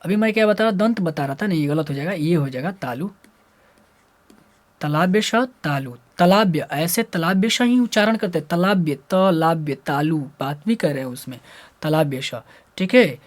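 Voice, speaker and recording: A man teaching Hindi grammar to school students, repeating letter sounds aloud and asking and then answering his own questions. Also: moderate pace. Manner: jumps between loud drilled syllables and low muttering. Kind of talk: explaining lesson to students.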